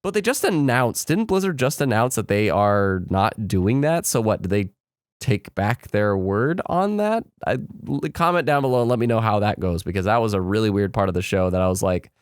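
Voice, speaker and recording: A man's voice: fairly low pitch, sing-song, normal speed, clean tone, no echo. Man vlogging casually, dry close sound. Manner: opinionated, rambling and conversational. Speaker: gaming vlogger, channel host. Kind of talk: casual vlogger commentary to viewers.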